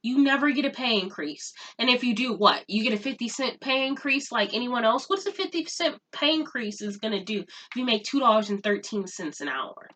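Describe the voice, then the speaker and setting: A young woman vents in a casual vlog, her fairly high voice bright and sharp. She sounds exasperated and circles back to repeat her points. She sits a little back from the camera mic, so the sound is slightly distant. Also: expressive, a little fast, few pauses. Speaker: vlogger. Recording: voice a bit off-mic.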